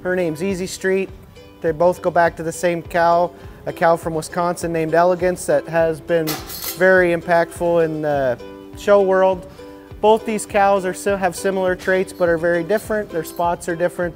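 A man in his thirties who looks after show cows, explaining his work in a barn in a plain, friendly way. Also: fairly high pitch. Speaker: show cow caretaker. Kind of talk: casual explainer to camera. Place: large indoor barn.

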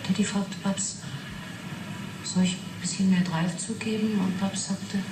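In a roomy 1980s German radio play with a noisy background, an actress voices a young woman recounting an uncanny experiment as a witness, matter-of-fact yet fascinated. Her female voice is on the low side, lightly acted, halting, reflective and thoughtful.

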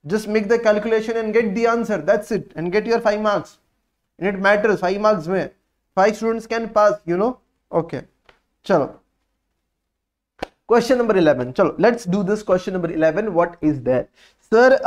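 High-pitched North Indian man teaching. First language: Hindi. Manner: instructive, repeats key phrases and asks himself questions; mixes Hindi words into English. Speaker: accountancy teacher. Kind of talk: lively classroom exam coaching, working through problems.

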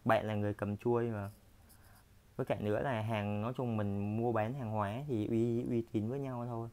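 On the floor of his furniture workshop, a seller gives a casual sales walkthrough in a low, smooth, darkish voice. His tone is steady and his pace moderate, and he rambles chattily with lots of repetition and fillers.

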